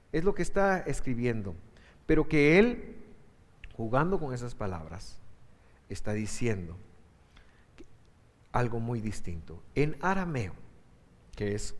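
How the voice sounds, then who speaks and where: A male pastor preaching a sermon emphatically, with sudden surges in pitch and loudness. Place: church. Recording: echoey hall reverb.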